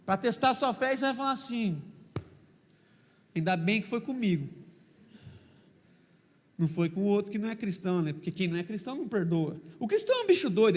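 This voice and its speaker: Male pastor, São Paulo accent, high-pitched, humorous storyteller, reverberant hall recording. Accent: São Paulo Brazilian Portuguese. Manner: humorous, animated, questions the congregation. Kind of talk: lively preaching with stories. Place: church hall.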